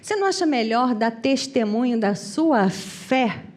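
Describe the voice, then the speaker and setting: A stern, calm spirit guide giving a firm scolding, as a woman puts him on. The voice is fairly high and lively. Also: a little slow. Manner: firm, admonishing.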